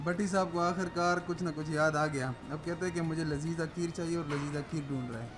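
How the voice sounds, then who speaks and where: A man's voice: fairly high pitch, steady tone, fast talker. Chatty young man vlogging on his phone. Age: young adult. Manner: chatty, teasing his friends. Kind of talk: casual vlog narration to camera. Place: car, then large supermarket indoors. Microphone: handheld phone at arm's length. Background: background music.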